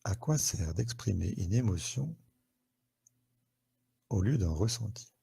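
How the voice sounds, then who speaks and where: French man, therapist live-streaming, gravelly, husky, dark tone, headset mic, asks viewers questions. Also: on the low side, lively intonation, takes it slowly. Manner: conversational, asks viewers questions, uses many fillers. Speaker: therapist hosting a live online show.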